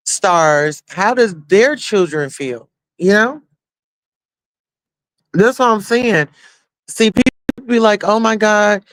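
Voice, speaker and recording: A man's voice: high-pitched, a bit bright, clean tone, no echo. A man giving casual, chatty commentary to his viewers, full of slang and preachy asides. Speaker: YouTube commentator.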